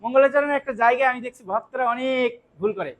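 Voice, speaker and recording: Male recitation teacher, very high voice, patient explainer who chants verses slowly as examples. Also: poor audio. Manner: checks often if listeners follow. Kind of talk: devotional recitation lesson.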